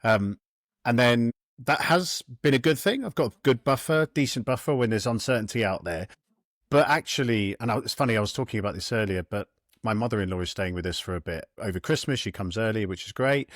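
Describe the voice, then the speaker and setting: A man's voice: lowish voice, fairly quick, dry recording, studio quality. A man hosting a podcast, talking reflectively and self-deprecatingly about money, with laughs. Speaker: podcast host. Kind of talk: casual podcast chat.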